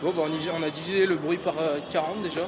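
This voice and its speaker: Chatty French vlogger, high voice, street noise. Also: male voice, steady tone, quick pace. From France. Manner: chatty, informal, addresses viewers as "les gars". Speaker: travel vlogger. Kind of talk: casual travel vlog to camera. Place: outdoors on busy city streets, later in a quiet metro station. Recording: loud street noise behind. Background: traffic and street noise.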